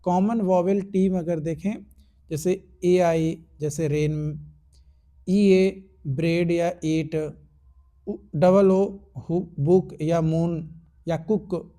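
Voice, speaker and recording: A young man with an Indian accent teaching English rules in an online exam-prep lesson, explaining each rule slowly in mixed Hindi and English. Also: on the high side, steady tone, dark tone.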